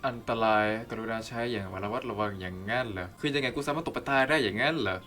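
A man giving excitable, crude let's-play commentary as a gaming video host. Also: medium pitch, fast, a little hiss or hum. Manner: excitable, crude, bursts into loud exclamations. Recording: game music behind the voice.

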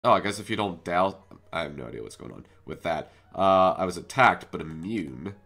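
A gaming channel host with a low, slightly bright voice, stuffed up as if he has a cold, chats about his own game and thinks aloud as he plays. He talks briskly and expressively, with some vocal fry, over a faint music bed.

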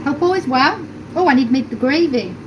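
A woman in her thirties hosts a casual cooking livestream from her small home kitchen, her high-pitched voice lively in intonation and fairly quick. She chats and thinks aloud as she carves and plates food, filmed close up on a phone camera with a noisy background.

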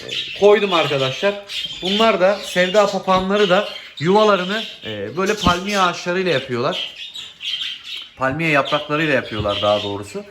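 A man's voice: sits high, expressive, brisk, background noise. A man, a bird breeder, chatting casually to his viewers in an indoor breeding room under renovation, his voice echoing in the half-empty space. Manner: chatty, addresses viewers as friends. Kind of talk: casual vlog talk to viewers.

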